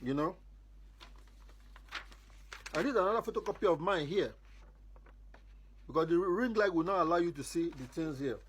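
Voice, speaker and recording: A man's voice: a little high, lively intonation, normal speed, pauses often, slight background noise. A man from Ghana speaking straight to camera indoors, repetitive and emphatic, asking indignant questions. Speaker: featured video subject. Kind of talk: direct-to-camera appeal. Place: indoors under a ring light.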